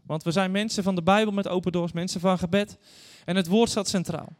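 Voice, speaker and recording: A man in his thirties or forties delivers an earnest sermon, moving between scripture reading and personal stories. His voice sits a touch higher than most men's. It rings out with a long reverb trail in a large church hall. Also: fairly even intonation, brisk, darkish tone. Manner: earnest, storytelling, addresses congregation directly. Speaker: guest preacher.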